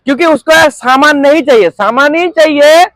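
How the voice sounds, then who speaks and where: Man, very high voice, dry close sound, seminar trainer quizzing the audience. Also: normal speed, fairly bright tone, no echo, low-quality recording. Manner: quizzes the audience constantly, asks for call-and-response. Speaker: network marketing trainer. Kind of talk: interactive seminar talk. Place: training room with a group audience.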